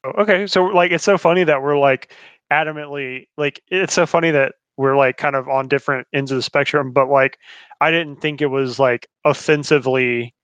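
A man's voice: mid-range voice, steady tone, normal speed, fairly bright tone, clear, resonant tone, dry recording, highs cut off. A man co-hosting a podcast, chatting about a film and laughing a lot. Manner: chatty, laughs a lot, quotes lines in a put-on voice. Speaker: podcast co-host. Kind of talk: casual film review chat.

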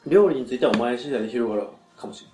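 A man's voice: medium pitch, fast, mellow, a little hiss or hum. A man with a Kansai Japanese accent chatting casually in blunt, teasing, tipsy drunken banter. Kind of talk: casual chat. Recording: echoey room with music. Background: music.

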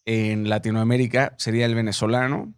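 A man hosts a relaxed interview, talking in an animated, slang-filled way. His voice sits at a middle pitch. The recording is dry and close. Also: brisk, clean tone, no room sound. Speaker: interview host. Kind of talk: casual interview.

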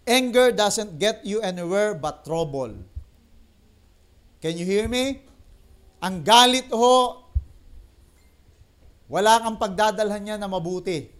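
A Filipino-accented man preaching a sermon with a notably high-pitched voice. He moves between two languages and slows right down to repeat his key lines for emphasis. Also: expressive, clean tone. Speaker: pastor. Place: livestream.

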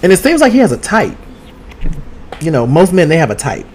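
There's a bit of hiss or hum as this sassy, outspoken podcast host dishes gossip while streaming from his home studio on two cameras, cursing freely and speaking right to his audience. He talks a little fast in a slightly high voice that swings hugely in pitch.

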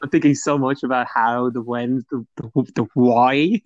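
A man's voice: mid-range voice, steady tone, normal speed. A man chatting casually as a podcast co-host, jokey and given to acting out little quotes. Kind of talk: casual banter. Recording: roomy, slightly muffled sound.

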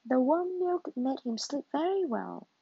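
A woman reading a children's storybook aloud in a slow, gentle manner, on a dull lo-fi recording. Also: sits high, sing-song, creaky, dry recording.

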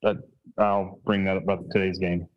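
A man's voice: low-pitched, level tone, moderate pace, dull audio. A man hosting a casual sports podcast, rambling and restarting his sentences as he thinks aloud. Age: adult with a child. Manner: rambling, full of restarts and self-corrections. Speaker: podcast host.

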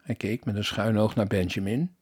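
A man reading a children's story aloud in an expressive, animated storytelling manner. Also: on the low side, normal speed, slightly rough.

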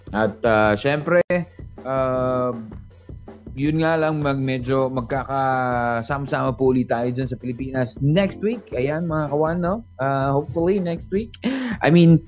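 A man's voice: medium pitch, darkish tone. A man with a Filipino accent hosting a casual morning radio show, joking and teasing his co-host with lots of fillers. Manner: playful, teasing, lots of fillers and code-switching.

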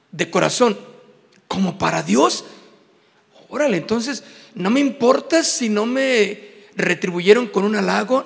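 Male Bible teacher, high and gravelly, chatty sermon style, reverberant hall. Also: fairly bright tone. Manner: conversational, acts out little dialogues, many restarts.

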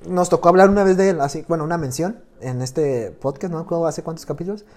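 A man's voice: fairly high pitch, fast talker, darkish tone. A man with a Mexican accent, co-hosting a podcast in a laid-back, slangy, hesitant way. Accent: Mexican Spanish. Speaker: podcast co-host. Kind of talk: casual chat.

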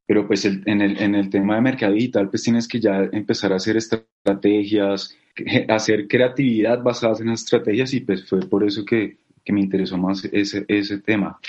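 With a lowish, a little mellow voice that has a breathy edge, this man talks at normal speed with fairly even intonation over dull audio. He's a company co-founder being interviewed, and his Bogotá Colombian Spanish comes out casual and hesitant, full of fillers.

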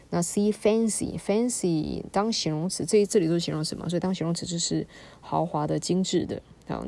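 Female English tutor, low voice, mellow, chatty, spells words aloud. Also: gravelly. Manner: chatty, frequent tag particles, spells words letter by letter. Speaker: English teacher. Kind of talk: explaining vocabulary test answers.

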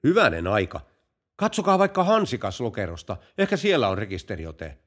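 A man's voice: fairly low pitch, wildly swooping pitch. A man voicing an alarmed male motorcycle policeman in a told joke, stern at first and then calling for help in a panic.

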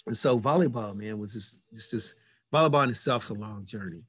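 Fifties male host, low and husky, earnest and reflective. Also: a little fast, fairly bright tone. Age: 50s. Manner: earnest, repeats key words. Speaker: podcast host. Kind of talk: reflective conversation.

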